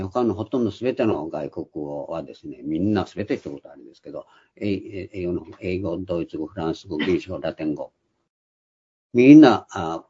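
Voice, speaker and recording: A man's voice: low-pitched, mellow, slightly rough. An older man giving a Bible study lecture, explaining patiently with frequent hesitant fillers, in a dull lo-fi recording. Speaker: Bible teacher.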